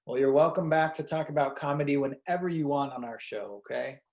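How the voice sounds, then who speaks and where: A man's voice: medium pitch, fairly quick, a little mellow, dull audio. A man hosting a casual show who chats with his guest and thanks him in an upbeat, encouraging way. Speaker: show host. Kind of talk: casual interview chat.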